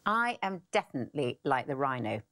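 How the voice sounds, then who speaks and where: A woman co-presenting a parenting course in expressive, scripted narration. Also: a bass voice, fairly quick.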